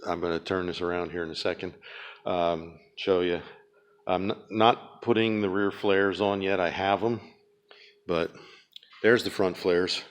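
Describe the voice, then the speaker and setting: Man, Pennsylvania accent, very low voice, monotone, halting casual narration, handheld camera in a garage. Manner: rambling, halting, many ums and uhs. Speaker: DIY car restoration vlogger. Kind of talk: casual walk-around narration.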